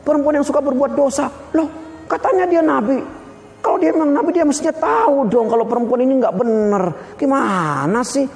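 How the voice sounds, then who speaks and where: A man voicing scornful Pharisees who gossip quickly about a woman in a children's Bible story. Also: extremely high pitch, darkish tone, pitched above the performer's own voice. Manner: fast, sneering, repetitive. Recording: long hall reverb.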